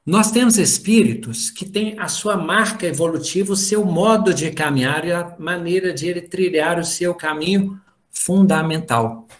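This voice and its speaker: A man's voice: on the high side, moderate pace. A middle-aged man giving an informal spiritual talk over a video call, telling family stories and acting out the dialogue. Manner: storytelling, acts out family dialogue. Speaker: lecturer at a spiritist study group.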